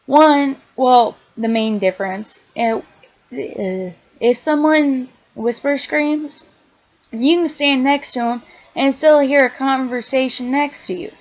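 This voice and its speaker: A young woman casually explaining her screaming technique in a halting, quiet way, with many fillers and restarts. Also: sits high, dull audio. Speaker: vlogger. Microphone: iPad held close.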